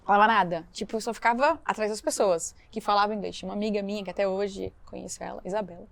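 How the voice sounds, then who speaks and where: A woman from Brazil, a missionary guest on a podcast, telling her story lively and acting out the dialogue. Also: mid-range voice, quick pace, creaky. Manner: animated storytelling, acts out quoted dialogue. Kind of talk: storytelling interview.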